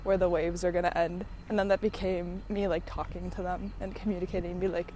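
A woman's voice: lowish voice, level tone, fairly quick. A young American woman in casual, rambling solo chat, musing and effusive as she talks outdoors on a walk. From San Diego, United States. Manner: musing and effusive, laughs easily. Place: outdoors on a walk near traffic. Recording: outdoor traffic noise, passing vehicles. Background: passing trucks and ambient noise.

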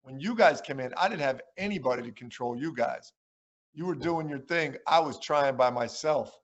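A man's voice: medium pitch, normal speed, highs cut off. A man in his sixties, a retired basketball coach and podcast guest, telling stories in a casual conversation and acting out quotes. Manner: animated storyteller, acts out quotes.

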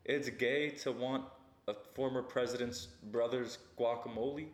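A man's voice: mid-range voice, steady tone, a little slow. Young male co-host, jokey and profane, loose banter, echoey room. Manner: joking, profane, rambling asides. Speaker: podcast co-host. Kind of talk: casual chat.

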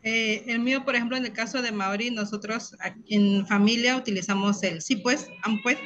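Host mother, high voice, lively storyteller, dull lo-fi sound. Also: normal speed. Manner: animated, acts out quoted voices. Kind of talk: storytelling anecdotes.

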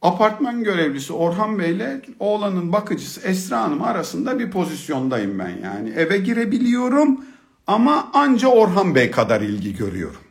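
A middle-aged man telling a humorous personal story about being a father, in an expressive, colloquial manner. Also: high-pitched, normal speed, gravelly. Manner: expressive, humorous, colloquial, swings from hushed to excited. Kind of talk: storytelling talk.

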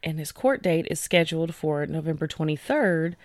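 Low-voiced woman podcaster. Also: lively intonation, dry recording, studio quality. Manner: conversational, chatty with fillers, reads details slowly. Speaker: podcast co-host presenting cases. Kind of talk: casual true-crime podcast chat.

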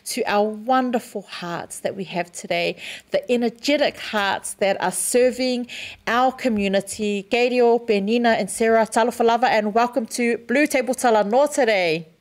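A woman's voice: on the high side, normal speed. A woman hosts a casual interview. She speaks respectfully, feeling her way through her sentences with frequent hesitations. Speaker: podcast co-host.

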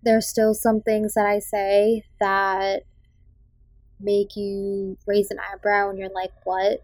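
Her medium-pitched, slightly mellow voice is completely flat and slow as she hosts a casual movie review podcast. A young adult from Massachusetts's South Shore with a faint Boston accent, she's chatty and opinionated, with lots of ums. There's no echo on the recording.

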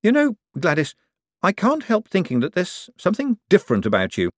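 A man voicing a glib young con man who talks wryly and hedges his words, a bit higher than his usual voice. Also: huge pitch swings, fairly quick, no room sound, studio quality, exaggerated voice. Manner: hesitant, wry and evasive.

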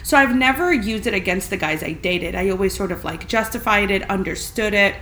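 A young adult woman hosts a casual podcast, talking to listeners in a chatty, candid way. Her voice rings around a big, empty apartment, giving it a roomy echo. A faint hiss sits underneath, and her pitch is mid-range for a woman. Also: brisk, pushed and bright. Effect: big echoey room sound. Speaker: podcast host. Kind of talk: casual solo podcast chat. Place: spacious, empty apartment indoors. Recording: echoey room with faint background hiss.

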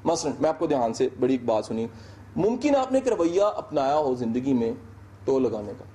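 A man's voice: medium pitch, sing-song, dark tone. A man giving a conversational motivational lecture, acting out little dialogues to make his points. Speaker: motivational speaker.

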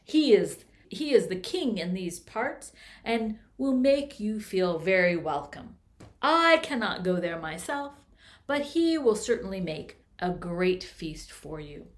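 A woman storyteller voicing a huge, overeager male giant who loudly exclaims his friendly welcomes. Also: medium pitch, big pitch swings, slow pace. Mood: cheerful.

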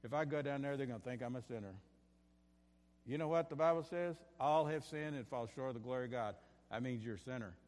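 A man preaching from a church pulpit, his voice carried by the long reverb of the sanctuary. He swings from fervent, rising bursts to hushed asides, doubling back on his phrases as he drives each point home. His pitch sits mid-range for a man. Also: fairly quick. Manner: impassioned, rising and falling in bursts, repeats phrases. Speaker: pastor. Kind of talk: sermon.

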